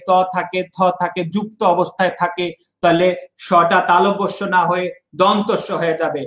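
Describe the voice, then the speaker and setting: A man's voice: high voice, fairly bright tone, reverberant, poor audio. A young man from Bangladesh, teaching an online exam-prep lesson and repeating key points.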